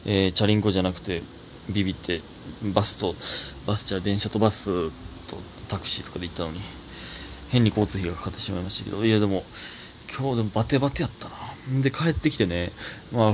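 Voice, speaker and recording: A young adult comedian with a Kansai accent, hosting a solo casual talk show and reading listener mail in a chatty, self-teasing way. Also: male voice, low voice, a little hiss or hum. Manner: chatty, self-teasing, animated, laughs often. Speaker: comedian podcast host.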